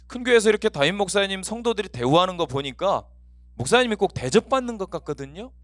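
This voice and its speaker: Middle-aged male pastor, lively storytelling lecture, pitch swinging up and down, dry close sound. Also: no echo. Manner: lively storytelling with anecdotes and acted quotes.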